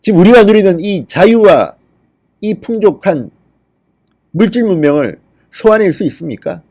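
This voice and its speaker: A man's voice: a little high, darkish tone. A middle-aged man hosting a political commentary monologue, indignant and firing off rhetorical questions. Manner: indignant, rhetorical questions, reads quotes aloud.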